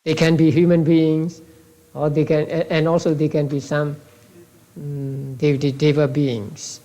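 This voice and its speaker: An older man with a Burmese accent, a monk teaching a class, speaking haltingly with many repeats and restarts on an old tape. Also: a little high, level tone, mellow. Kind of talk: classroom lecture.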